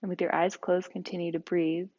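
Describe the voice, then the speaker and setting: Woman yoga instructor, calm and soft-spoken, low voice with vocal fry, dull lo-fi recording. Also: fairly quick. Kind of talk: guided yoga and breathing class.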